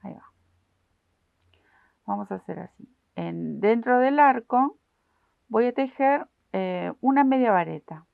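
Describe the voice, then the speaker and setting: A crochet instructor patiently takes viewers through a pattern stitch by stitch, explaining each one as she works, speaking to them directly and using lots of diminutives. Her voice is on the high side with a gravelly fry, lively intonation, a measured pace and frequent pauses. The audio is dry, narrow and tinny like a phone, with no echo.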